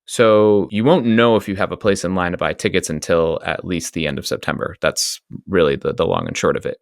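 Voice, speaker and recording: A man's voice: sits low, a little fast, no echo, clean studio sound. A man co-hosting a podcast in casual conversation, chatty and prone to restarting his sentences. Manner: chatty, stumbles and restarts when animated. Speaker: podcast co-host. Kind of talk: casual chat.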